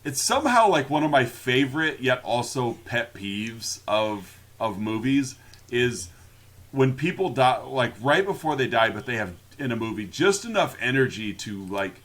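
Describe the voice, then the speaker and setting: A man's voice: mid-range voice, very animated, normal speed, fairly bright tone. A man co-hosting a podcast, recapping a film in casual chat, laughing often and mock-quoting the characters. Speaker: podcast co-host.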